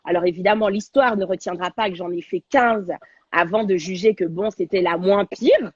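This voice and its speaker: A woman, a guest on a talk show, telling a personal story in an animated, slangy, dramatic way over a video call. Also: medium pitch, moderate pace, slightly rough, dry recording, muffled recording. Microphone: video call on a livestream.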